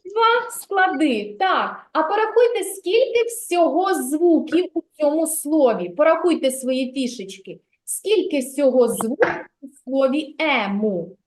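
A woman who teaches kindergarten leads a literacy lesson in a high, expressive voice, speaking slowly and deliberately. Patient and encouraging, she praises the little ones often. The recording echoes like a roomy classroom.

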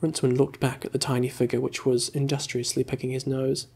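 A man reading a story aloud in a slow, calm, soothing ASMR voice, close to the mic. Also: medium pitch, vocal fry, slightly rough. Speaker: ASMR reader.

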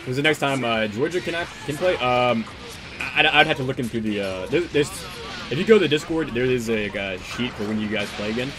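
A man talks fast and loosely over a gaming stream, cursing casually as he runs the tournament. His voice sits at an ordinary middle pitch. Game music plays clearly behind him. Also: animated. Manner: loose, rambling, swears freely. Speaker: tournament organizer and stream commentator.

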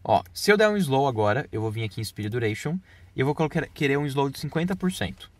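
A man's voice: medium pitch, expressive, quick pace. A man explaining video editing step by step in a casual screen-recorded tutorial.

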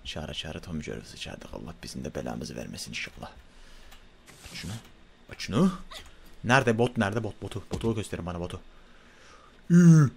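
A young man giving excited let's-play commentary, swinging between loud frantic outbursts and muttering to himself. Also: deep voice, fast, creaky, a little hiss or hum. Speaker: gaming YouTuber.

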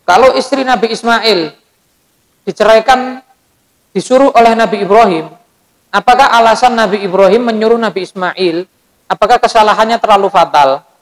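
A man's voice: high-pitched, normal speed, pauses often, poor audio. A male preacher giving a sermon in a mosque, telling stories vividly and addressing his listeners directly.

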